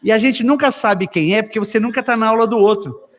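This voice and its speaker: A Brazilian man preaching to couples at a church retreat, telling stories with acted quotes and sudden loud bursts. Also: high voice, fast talker. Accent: Brazilian Portuguese. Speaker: pastor. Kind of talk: lively sermon at a couples' retreat. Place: church hall. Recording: reverberant church hall.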